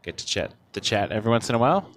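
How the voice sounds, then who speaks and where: A man's voice: lowish voice, sing-song, very fast. A man hosting a live plane-spotting stream outdoors, chatting casually and in a friendly way with viewers. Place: outdoors by an airport. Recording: outdoor ambience with faint noise.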